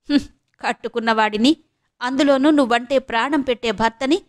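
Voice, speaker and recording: A firm, sharp-tongued young woman in a spoken audio novel, needling and lecturing her friend. Her voice sits higher than the narration and stays pressed and insistent, as the reading woman puts her on. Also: lightly acted. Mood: sarcastic.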